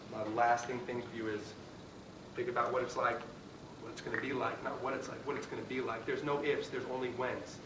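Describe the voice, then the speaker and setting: A man gives a pre-game pep speech as a guest motivator, emphatic and rallying, punching out short phrases. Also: mid-range voice. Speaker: guest motivational speaker, fight trainer. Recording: roomy, distant mic, clear background noise.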